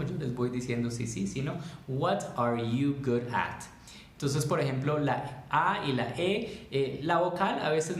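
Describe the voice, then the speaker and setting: Profesor colombiano en una sala con eco. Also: male voice, on the high side. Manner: switches between Spanish and English, repeats words slowly to model pronunciation; encouraging, reads viewers' comments aloud. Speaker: English teacher. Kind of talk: live-streamed bilingual lesson. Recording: echoey room.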